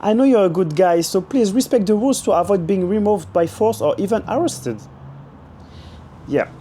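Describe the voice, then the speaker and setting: A hoarse young man role-playing a polite male bartender in English. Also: sits high, animated, moderate pace, mellow, slight background noise, voice pushed up. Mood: firm. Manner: formal, apologetic.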